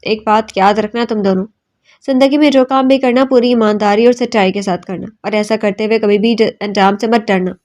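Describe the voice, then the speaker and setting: A woman voicing a gentle elderly father giving loving advice to his children in a storybook reading. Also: mid-range voice, fairly even intonation, lightly acted. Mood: tender. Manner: soft, tender, advising.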